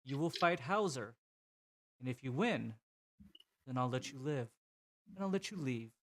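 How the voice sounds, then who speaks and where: A man voicing an honor-bound male warlord who speaks with calm, courteous menace in a tabletop game. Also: mid-range voice, unhurried.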